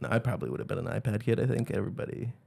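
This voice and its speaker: A man's voice: lowish voice, very fast, creaky, noisy background. A man co-hosting a comedy podcast in casual chat, full of curious questions. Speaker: podcast co-host.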